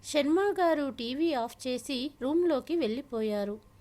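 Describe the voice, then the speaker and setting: Woman narrator, high voice, steady storybook reading. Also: unhurried.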